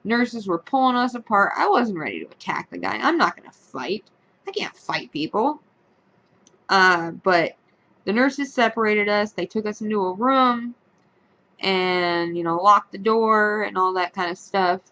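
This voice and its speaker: A woman's voice: medium pitch, expressive, measured pace, pushed and bright, lo-fi sound. A young adult woman telling a story in a casual vlog, blunt and profane with a sarcastic edge. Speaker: vlogger.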